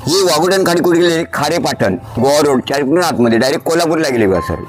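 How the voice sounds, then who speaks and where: A man's voice: on the high side, animated, quick pace, crowd noise. Male tour guide, pointing things out as he walks; stone rooms with a long, roomy echo. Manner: addresses the listener as sir, points things out. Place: stone fort chambers and grounds. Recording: echoey stone hall, long reverb.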